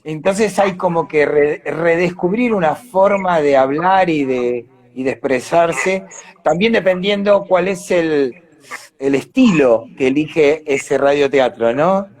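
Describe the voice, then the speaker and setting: An Argentine actor with a slightly high voice speaks slowly in an interview. In casual live conversation, he reflects and explains things while searching for words.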